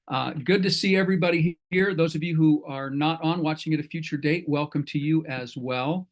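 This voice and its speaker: A middle-aged man with a somewhat high voice hosts an online entrepreneur meetup at a moderate pace. He chats casually with the group in a folksy, rambling way and keeps correcting himself.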